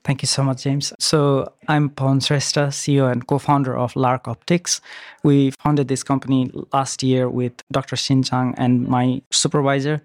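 A man's voice: mid-range voice, flat delivery, moderate pace, no echo. Nepal-born man, dry close sound. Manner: earnest, hesitant fillers. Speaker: startup CEO. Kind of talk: interview answers.

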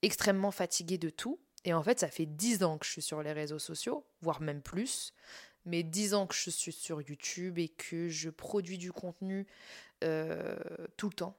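A young woman talks candidly into her own podcast, her voice a touch low and worn with tiredness. She jokes at her own expense, stumbles over restarts and fillers, and keeps the tone casual. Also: moderate pace. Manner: candid, self-mocking, laughs through serious points, many fillers and restarts. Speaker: podcast host and content creator. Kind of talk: casual personal podcast monologue.

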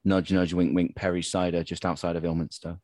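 A man's voice: low voice, level tone, fairly quick, a little mellow, dry recording, studio quality. A man chatting casually as a panellist on a football podcast, bantering and repeating himself for emphasis.

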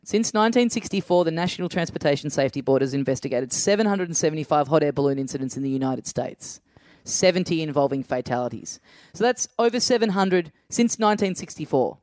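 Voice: medium pitch, animated, fast, darkish tone, dry recording. A podcast co-host chatting casually with a dry, teasing manner. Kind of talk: casual banter.

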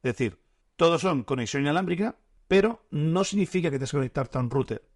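Fast-talking joking man, higher voice. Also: animated. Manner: jokey, stammering, acts out silly voices. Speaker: podcast co-host. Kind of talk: casual chat.

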